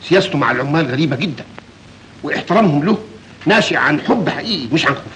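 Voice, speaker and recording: A man's voice: a little high, expressive, very fast, fairly bright tone, roomy sound, slight background noise, rough recording. An actor playing a proud, fatherly Egyptian factory-owning bey, speaking emphatically in Egyptian Arabic, from an old film soundtrack. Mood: pleased. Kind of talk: 1940s film acting.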